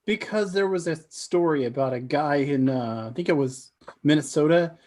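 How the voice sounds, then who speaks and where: A man's voice: fairly high pitch, moderate pace, a little mellow. Chatty man telling a story. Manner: chatty, laughs through his story. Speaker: guest judge. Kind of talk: casual storytelling on a video call.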